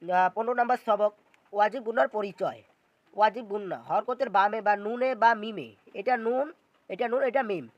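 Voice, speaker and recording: High-voiced man teaching syllables slowly. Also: no room sound, lo-fi sound. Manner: spells out letters and syllables one by one, repeating them. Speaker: Quran reading teacher. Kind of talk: slow step-by-step recitation lesson.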